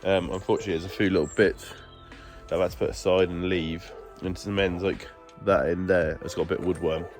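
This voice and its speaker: A DIY vlogger with a deep, steady voice talks briskly through a garden build, chattily explaining each step in a casual update. He's recording outdoors on a phone camera, sounding stuffy-nosed and congested, with soft background music.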